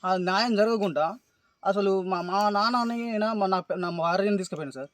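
A man with a Telangana Telugu accent giving distressed, halting testimony in an interview, pleading and repeatedly addressing the listener as sir. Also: high voice, a bit bright, dry recording. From Telangana, India. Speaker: complainant describing police abuse.

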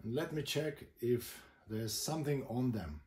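A man demonstrates a gadget in slow, halting phrases. His voice sits at an ordinary pitch in an echoey room, with loud noise and clicking around it. The delivery is informal and goes step by step. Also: expressive. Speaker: host demonstrating vintage boomboxes. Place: indoor room with a table of boomboxes.

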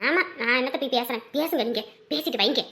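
A woman's voice: sits high, fast, creaky, pushed and bright, heavily acted. A woman playing a sulky, stingy village wife, grumbling and sarcastic. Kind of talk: village drama acting.

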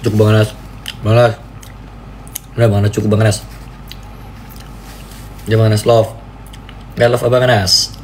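A man's voice: flat delivery, moderate pace, long pauses, darkish tone, slight background noise. Playful man on a live stream. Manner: playful, mock-pleading, jumps to squeaky high cries. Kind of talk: casual live-stream chat.

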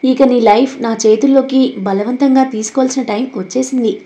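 A man's voice: very high voice, steady tone, fairly quick, mellow, muffled recording. A woman voicing a scheming, possessive young man who plays the villain in a storybook drama, menacing in tone.

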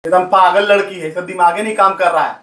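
A man, style, scolds quickly and repeats his phrases. He has a mid-pitched voice, and an echoey room and loud background music sit around him. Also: fairly even intonation. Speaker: husband in a family prank video. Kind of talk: heated family argument.

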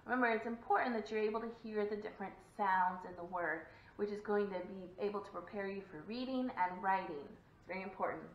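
A woman's voice: mid-range voice, fairly quick, a little hiss or hum. A woman teacher giving a video lesson to young children, encouraging and sing-song, clapping out syllables. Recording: echoey room, dull lo-fi sound.

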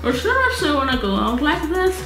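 A woman's voice: a little high, sing-song, moderate pace. A fussy, proper young woman scolds in a slightly raised, prim voice, as a woman puts her on. The room is echoey, with faint music behind her.

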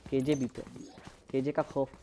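A man's voice: mid-range voice, flat delivery. Male streamer, casual joking chat, gunfire noise behind. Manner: joking, chatty, quick team callouts. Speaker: game streamer. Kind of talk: casual live-stream chat and game callouts. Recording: gameplay audio with gunfire behind.

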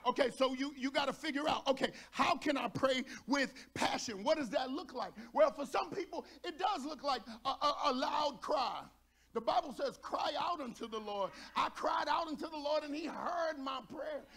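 Male pastor with a light Texan accent, high voice, lively preaching, shouts and jokes in a church. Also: moderate pace, vocal fry. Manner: animated preaching, shouting at peaks, joking with congregation. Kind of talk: sermon. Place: church sanctuary.

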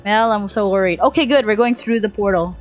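A young woman gives casual live gameplay commentary on a headset mic, chatty and thinking aloud in short bursts, with faint game music behind her. Her mid-range voice is brisk, and the highs are cut off.

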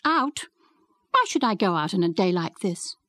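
A woman's voice: fairly low pitch, big pitch swings, moderate pace, bright, forceful tone, no room sound. A woman voicing a sullen, contrary little girl in a storybook, petulant and haughty.

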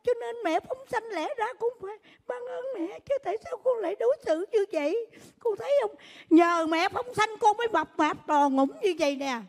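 A woman plays a sentimental middle-aged stepmother, pleading and lecturing in a very high voice. The stage adds a long echo. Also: lively intonation, fairly quick, hardly any pauses. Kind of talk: live stage comedy skit.

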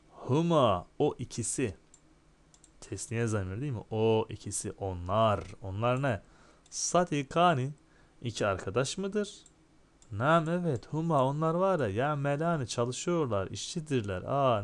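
A man teaching a recorded lesson, explaining and translating line by line and asking and answering his own questions, with dry classroom jokes. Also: medium pitch. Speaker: Arabic teacher.

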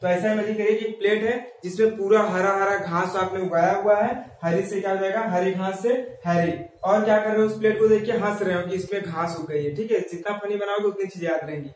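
A man's voice: high voice, fairly even intonation, a little fast, hardly any pauses, distant mic. A man giving an exam-prep lesson on memory tricks, asking questions and answering them himself while repeating key words. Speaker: teacher. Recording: very echoey room, voice from off mic, faint ambient noise.

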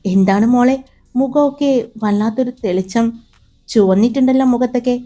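A worried, fussing motherly woman in an audio love story, voiced by a woman narrator. She asks anxious questions in a high, mellow voice. Faint music plays underneath. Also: normal speed, lightly acted. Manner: fretful, questioning.

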